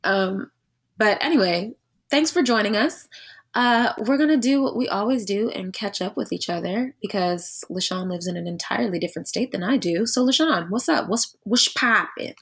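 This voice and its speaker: A woman's voice: medium pitch, expressive, normal speed, slightly rough. A young woman hosting a podcast in casual chat, upbeat and slangy. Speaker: podcast host.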